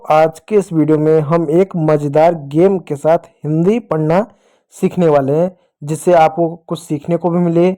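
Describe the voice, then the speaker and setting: Playful high-voiced male teacher. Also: warm tone. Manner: playful, repeats "pyare bachchon", acts out cries to teach sounds. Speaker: teacher of young children. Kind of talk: children's Hindi reading lesson.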